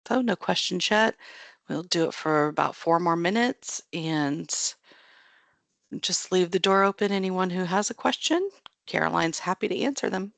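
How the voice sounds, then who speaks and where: An American woman moderates an online webinar, making friendly, chatty announcements with frequent ums and small restarts. Her voice is fairly low, gravelly and fairly bright, at a moderate pace, on a dry recording.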